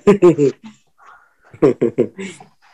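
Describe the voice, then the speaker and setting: A relaxed, chatty speaker talks about matters of the soul in an easygoing way. Short laughs keep breaking into the talk. The phrasing is colloquial, with many little tag words at the ends of sentences. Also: mid-range voice, very slow, background noise. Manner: chatty and informal, often laughing between points. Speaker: speaker on a spiritual talk channel. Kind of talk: casual spiritual talk.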